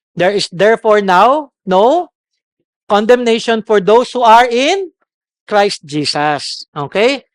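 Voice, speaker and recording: Pastor preaching with a dry sound. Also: male voice, sits high, no room sound. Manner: mixes Tagalog and English, keeps asking the congregation "okay?". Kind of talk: Sunday sermon on parenting.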